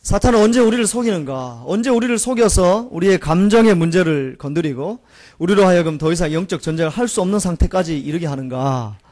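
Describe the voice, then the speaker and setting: A man's voice: sits high, expressive, quick pace, a little mellow. A male pastor preaching a Sunday sermon, asking rhetorical questions in an earnest manner.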